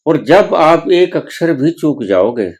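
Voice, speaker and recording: A man's voice: on the high side, big pitch swings, slow pace, darkish tone. A man giving a spiritual discourse, reciting scripture verses and explaining them with rising emphasis. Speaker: spiritual teacher.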